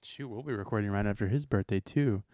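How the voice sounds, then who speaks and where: A man's voice: on the low side, fast talker, mellow, no echo, studio quality. A man in his twenties co-hosting a podcast in casual, joking chat. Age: 20s. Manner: joking, teasing. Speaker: podcast co-host.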